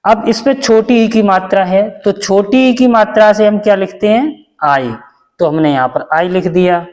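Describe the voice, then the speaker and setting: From India, this man gives a basic classroom lesson, patiently repeating each step and posing questions he then answers himself. His voice is high-pitched at a normal speed, with a long reverb tail.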